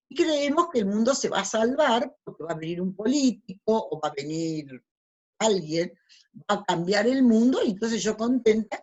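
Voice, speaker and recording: Her voice is fairly low-pitched with a darkish tone as she lectures with slides. A spiritual teacher, she instructs didactically, answering her own rhetorical questions and often tacking on tag questions.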